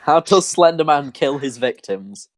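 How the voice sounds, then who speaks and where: A man's voice: fairly high pitch, animated, measured pace, dry recording. A man hosting a casual podcast chat, joking sarcastically and reading steps aloud. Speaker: podcast host.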